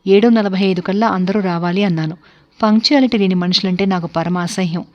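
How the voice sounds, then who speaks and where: A woman's voice: mid-range voice, brisk, lightly acted. A woman voicing a stern, cruel-edged wealthy man hosting a dinner, speaking curtly and with command. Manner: curt and commanding. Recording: dull lo-fi recording.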